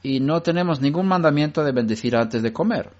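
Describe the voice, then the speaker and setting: A man's voice: fairly high pitch, expressive, a little mellow. Man teaching in a dull lo-fi recording. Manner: measured, explanatory, with frequent restarts. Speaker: Bible study teacher. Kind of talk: unscripted religious teaching.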